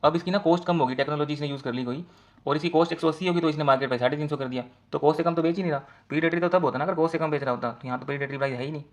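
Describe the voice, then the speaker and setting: A man rattles through an exam case study at a brisk clip. His voice sits a little high for a man, and he talks straight to the students as he checks each answer. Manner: rapid, talks to students directly in mixed Hindi and English. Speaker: teacher.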